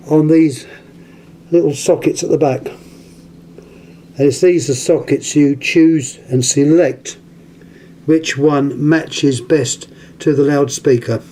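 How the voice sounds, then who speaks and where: A British vintage radio collector presents an item in a casual hands-on demonstration, recorded on a handheld camera held close to it. His slightly higher-set voice is warm and unhurried, halting and pausing mid-phrase as he handles things. There is slight background noise.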